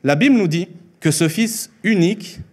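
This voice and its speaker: Holding a mic in a church hall, a man in his thirties from Mexico, whose first language is Spanish, delivers an earnest sermon. He has a high, expressive voice, a little mellow and slightly rough, repeating phrases for emphasis and slowing down on key lines.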